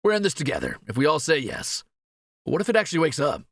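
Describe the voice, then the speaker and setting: This heavily acted audio roleplay features a man playing a cocky young fantasy thief, wary and reluctant here, though still quick to joke and exclaim as he swings animatedly from bragging to jitters. His bright, raised voice is a little high, with some edge creak. The recording is close and dry, without room sound.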